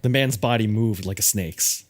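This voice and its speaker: A man's voice: on the low side, moderate pace. A man reading scripted narration aloud as the narrator of a game playthrough. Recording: music behind the voice.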